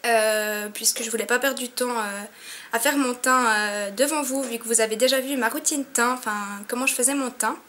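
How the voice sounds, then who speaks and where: A young woman with a cold, sniffling as she goes, hosts a chatty, filler-laden makeup tutorial for her beauty vlog at her mirror at home. Her fairly high voice is pushed and bright, with fairly even intonation and a moderate pace, and a little hiss or hum sits underneath.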